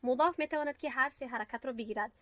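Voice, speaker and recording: A woman teacher walks through a grammar lesson with patient, step-by-step explanations. Her voice sits a little high. She is recorded dry and close, with almost no room sound. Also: a bit bright, no room sound. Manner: patient, step-by-step explaining, recites verses slowly. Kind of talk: classroom lesson.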